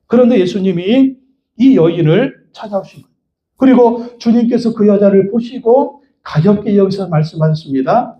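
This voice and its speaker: A man's voice: high voice, highs cut off. A man preaching a sermon as pastor, emphatic and repetitive, asking the congregation rhetorical questions.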